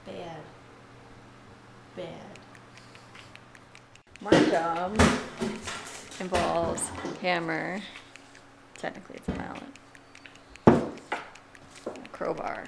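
A woman's voice: fairly low pitch, little pitch movement, very slow, creaky, long pauses, heavy background noise. A woman in her thirties chatting playfully while she renovates an empty house, filming herself with a handheld camera. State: tired from work. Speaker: home renovation vlogger. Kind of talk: casual vlog narration. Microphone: handheld camera held close. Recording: echoey empty room with music.

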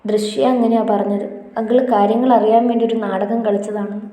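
A woman voicing an anxious young woman in love, pleading and tearful, in a higher voice. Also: level tone, a little fast, dark tone, natural voice. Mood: worried. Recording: echoey room with long reverb.

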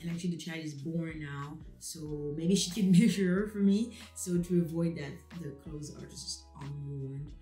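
A woman's voice: low-pitched, normal speed, few pauses, dark tone, reverberant, faint music behind, rough recording. A young woman chatting casually to camera in a rambling, self-deprecating way, with many fillers. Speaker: vlogger. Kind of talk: casual vlog chat to camera.

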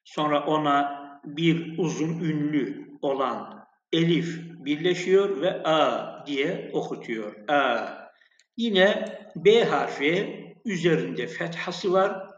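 A man teaching an Arabic lesson, slowly and patiently spelling out letters and vowel sounds for his students. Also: fairly high pitch, expressive. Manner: slow, patient, repeats sounds and addresses students as friends. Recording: echoey, dull lo-fi room sound.

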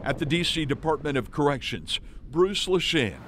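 A man narrating a television news report in a measured broadcast delivery. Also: fairly high pitch, lively intonation, noisy background.

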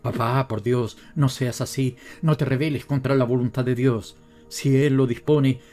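A man's voice: medium pitch, fairly even intonation, normal speed, mellow, soft background music, close to an everyday voice. A man reading a tearful pleading young daughter. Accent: Latin American Spanish.

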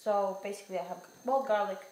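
In her thirties, a homesteading vlogger speaks fast in a mid-range, darkish voice, chatting casually, giggling and thinking out loud. She starts outdoors in the woods and ends up in her home kitchen, captured by a camera mic first handheld close, then on a fixed camera. The low-quality recording carries a little hiss or hum.

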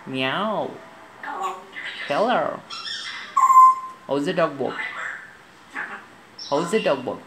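A woman coaxing her parrot to talk, repeating short prompts slowly. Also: deep voice. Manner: slow, repetitive prompting. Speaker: pet owner. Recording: loud background noise, home video.

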